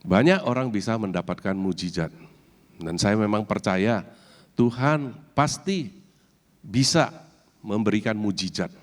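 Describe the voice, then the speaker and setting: Male church elder, low voice, animated sermon delivery, reverberant hall. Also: unhurried, long pauses. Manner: animated, mixes in English words, addresses congregation directly.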